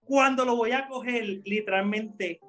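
A man's voice: very high-pitched, unhurried, fairly bright tone. A man co-hosting a podcast, telling a story to friends in a casual way, laughing often and mixing in English words. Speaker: podcast co-host.

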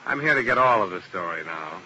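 An actor with a lowish, expressive voice plays a hard-boiled male insurance investigator in a 1950s radio drama, serving as narrator and lead detective. He talks fast in a sharp, heavily acted tone, terse, dry, and probing, with a pressing mood. The audio is poor, a hissy old radio broadcast.

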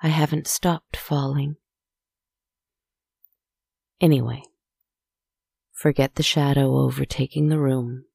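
A woman softly narrating a guided relaxation story in a hushed, soothing, spa-like manner, with deliberate, poetic phrasing. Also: a bass voice, steady tone, vocal fry, husky, dry recording, studio quality.

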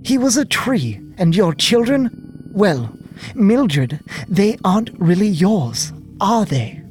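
A haughty old nun, voiced by a male storyteller, looms over the listener in a raised, unnatural register. She speaks very slowly and mockingly, savoring her authority. Soft music plays quietly behind her. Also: sits high, big pitch swings, pitched above the performer's own voice, heavily acted. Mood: scornful. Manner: imperious, mocking, drawn-out. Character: stern, condescending elderly nun woman. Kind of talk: storybook narration with character voices.

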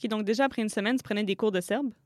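A woman's voice: medium pitch, very fast, darkish tone. A woman interviewer asking casual, encouraging follow-up questions.

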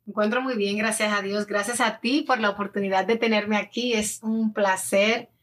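A Dominican woman in her early thirties, an influencer and addiction counselor, gives long, casual answers as an interview guest. She's talkative and anecdotal, speaking with a Dominican Spanish accent and slipping in English words. Her voice is medium-pitched, steady and a bit bright, at a moderate pace.

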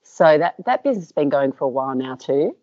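Middle-aged Australian woman, business founder, low voice, dry dull lo-fi sound, chatty with lots of "um". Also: very animated, fast talker, warm tone, no room sound. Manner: rambling with many fillers and restarts. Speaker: company co-founder. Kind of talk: interview guest, storytelling.

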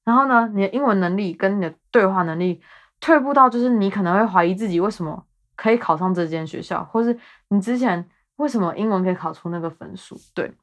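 Talking fast in a mid-range voice, a Taiwanese Mandarin-accented woman in her twenties rambles through her podcast, making fun of herself along the way.

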